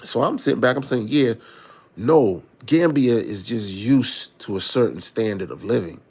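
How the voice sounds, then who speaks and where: A man's voice: mid-range voice, normal speed, a little mellow, breathy edge. A man talking casually to camera, telling a story and acting out conversations, often asking "you know what I'm saying". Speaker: vlogger.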